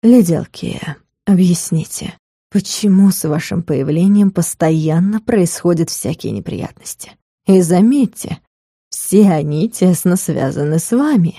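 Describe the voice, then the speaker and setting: A woman voicing a stern, weary male academy rector in an audiobook, speaking slowly and coldly. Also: on the low side, lively intonation, warm tone, breathy edge, no echo, clean studio sound, heavily acted. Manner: slow, measured, icy. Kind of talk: audiobook character voice.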